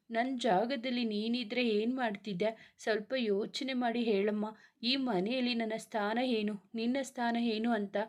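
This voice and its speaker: A woman's voice: fairly high pitch, a little mellow, lightly acted. A woman reading as a humble young lover. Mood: pleading. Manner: pleading, tender. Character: young poor man, humble, earnest lover. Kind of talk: storybook reading.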